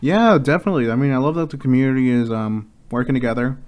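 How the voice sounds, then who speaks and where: A man's voice: medium pitch, fast talker. A man co-hosting a casual gaming chat show, chatty and swearing freely, getting worked up as he talks. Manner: chatty, swears freely, rants with rising excitement. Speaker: co-host.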